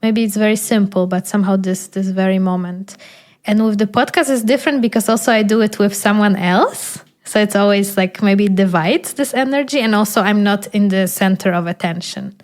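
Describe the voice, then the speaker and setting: In a relaxed podcast chat, the host, a young woman from Poland whose first language is Polish, speaks with a mid-range voice. She reflects as she goes, stopping to find words and softening gaps with gentle fillers.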